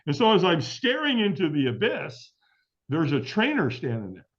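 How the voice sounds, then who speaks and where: A middle-aged man is a guest on an interview show, telling a story with lots of energy and playing out what people said to him. His voice sits a little high and swings up and down a lot. The recording sounds dull and lo-fi. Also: huge pitch swings, moderate pace. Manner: vivid, acts out quoted dialogue, laughs often. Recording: dull lo-fi audio.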